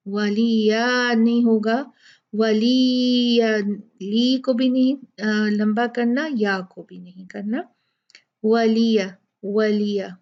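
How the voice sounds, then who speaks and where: Slow, patient woman teaching recitation. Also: a little high, muffled recording. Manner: patient, explains slowly with repeated examples. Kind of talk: tajweed lesson.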